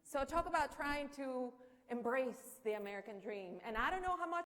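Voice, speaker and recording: A Colombian woman whose first language is Spanish delivers a conference keynote in a hall with long reverb. With a high voice and moderate pace, she tells chatty, animated stories full of humor and rhetorical questions to the crowd.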